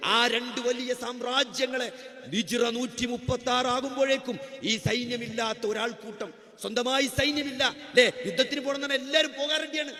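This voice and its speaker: Male preacher, very high and sharp voice, fervent and repetitive, long hall reverb. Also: fairly even intonation, normal speed. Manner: impassioned, repeats phrases, asks the crowd rhetorical questions. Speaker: Islamic preacher. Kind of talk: sermon.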